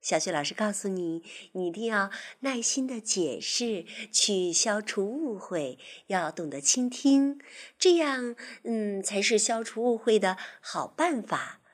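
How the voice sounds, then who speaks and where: A woman telling a children's story, gently coaxing and talking directly to the little listener. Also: medium pitch, animated, a little slow.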